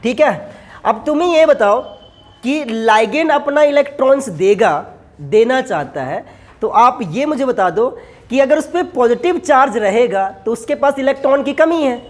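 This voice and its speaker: Calling his students son and brother, a male chemistry teacher lectures at a board, repeatedly asking questions and answering them on his own. His voice is extremely high in pitch and expressive, delivered at a moderate pace.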